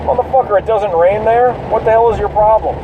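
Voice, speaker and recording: A man's voice: sits high, a little fast, far from the mic, narrow, tinny audio. Swearing man ranting while driving. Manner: profane, ranting about other drivers. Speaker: podcast host. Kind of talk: casual solo monologue while driving. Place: inside a car in heavy rain. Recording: noisy in-car recording, rain and road noise.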